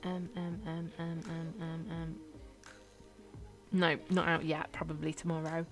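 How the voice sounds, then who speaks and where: Chatty young woman, low voice. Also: little pitch movement, unhurried, soft background music. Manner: chatty, rambling, with fillers and giggles. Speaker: YouTuber ranking characters. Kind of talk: casual chat over gameplay.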